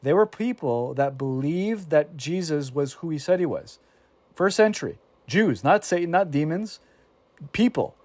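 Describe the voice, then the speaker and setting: A man leads a casual Bible discussion in an animated way. He stumbles and restarts often and slips into voices when he quotes others. The sound is dry and close. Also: on the high side, unhurried, dry recording. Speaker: Bible study teacher.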